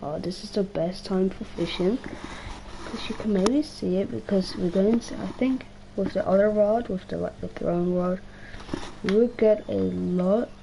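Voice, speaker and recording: A young woman streaming a game rambles in slangy, casual talk, swearing and speaking to herself with a strained, exhausted voice. Her voice is gravelly at medium pitch and normal speed, and there's background noise.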